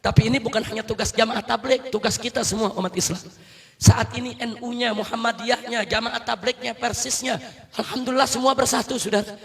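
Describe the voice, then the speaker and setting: Fiery high-voiced male preacher. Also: fairly even intonation, a little fast, gravelly. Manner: shouts rousing calls to the crowd, repeats "brothers" often. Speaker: Islamic preacher. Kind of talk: fiery rally sermon.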